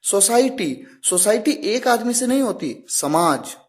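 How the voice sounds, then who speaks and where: A man's voice: high-pitched, sing-song, a little slow. A man teaching English grammar to learners, patiently explaining each word step by step with examples and questions to the listener.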